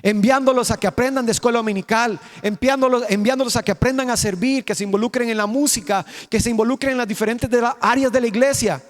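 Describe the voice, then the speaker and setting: Male pastor, high voice, emphatic sermon with rhetorical questions, long reverb of a church hall. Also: fast talker, few pauses. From Costa Rica. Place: church sanctuary.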